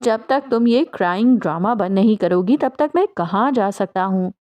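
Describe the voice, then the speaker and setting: A woman voicing a playful young man who jokes gently with his tearful fiancée in an audiobook. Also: medium pitch, expressive, close to an everyday voice. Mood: teasing. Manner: gentle joking banter.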